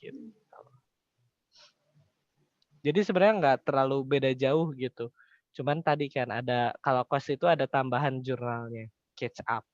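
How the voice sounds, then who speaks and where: This young accounting tutor speaks in a mid-range voice at a moderate pace, pausing often. His casual, step-by-step explanations are full of questions he answers himself. The recording is muffled but free of echo.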